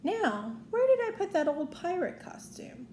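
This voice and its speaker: A woman voicing a cheerful, excitable male cartoon mouse from a storybook, with friendly exclamations. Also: very high voice, measured pace, voice pushed up, heavily acted. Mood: hurried. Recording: roomy echo, faint noise.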